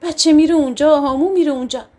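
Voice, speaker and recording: A woman reading the part of an affectionate, patient young husband in an audiobook novel, speaking gently and soothingly. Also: high-pitched, lightly acted. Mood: tender. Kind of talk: audiobook character voice.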